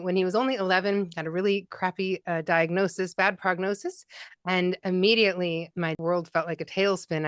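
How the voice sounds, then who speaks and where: A woman grief counselor speaking as an interview guest, gentle and validating. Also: medium pitch, smooth, dry recording. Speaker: pet loss grief counselor.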